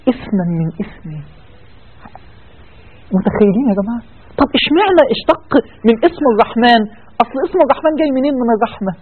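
A man's voice: high-pitched, slightly rough. A man with an Egyptian accent giving a religious talk, firing rhetorical questions and acting out people's excuses. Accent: Egyptian Arabic. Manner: animated, rhetorical questions, acts out excuses of listeners. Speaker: preacher. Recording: tinny phone-like sound.

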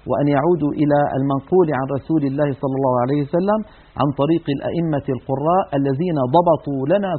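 A man teaching a recitation lesson, demonstrating letter sounds by repeating syllables and gently admonishing listeners. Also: fairly high pitch, breathy edge. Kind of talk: tajweed lesson on letter pronunciation. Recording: tinny phone-like lo-fi sound.

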